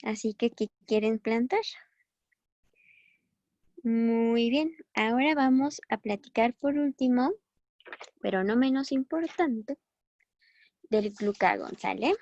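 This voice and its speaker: A woman's voice: on the high side, slow pace, long pauses, a little mellow, dry recording, muffled recording. A woman teaching a recorded medical lecture in a chatty, encouraging way, often correcting herself as she goes.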